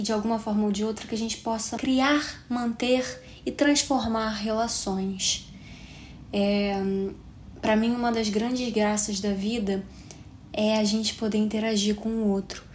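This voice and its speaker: A woman's voice: mid-range voice, darkish tone. A woman in her twenties from Rio de Janeiro with a Carioca accent, hosting a solo podcast in a chatty, reflective way. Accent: Carioca Brazilian Portuguese. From Rio de Janeiro, Brazil. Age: 20s. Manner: chatty and reflective, frequent tag questions. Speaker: podcast host. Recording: roomy echo with faint hiss.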